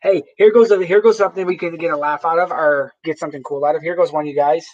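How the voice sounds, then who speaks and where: High-pitched guy rambling and cussing on his live stream, dull muffled audio. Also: fairly even intonation, fast talker, a little mellow. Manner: rambling, profane, with frequent restarts. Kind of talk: casual live-stream chat. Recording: dull lo-fi sound.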